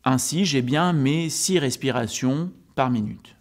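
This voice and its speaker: A man's voice: mid-range voice, unhurried. A man who coaches, explaining things step by step in an informal video addressed directly to the viewer. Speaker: health and sports coach presenting a video. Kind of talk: informal explanatory talk to camera.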